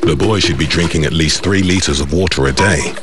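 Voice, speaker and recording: A man's voice: extremely low pitch, brisk, noisy background. A man reading scripted voice-over narration for an adventure documentary. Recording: loud music under voice-over.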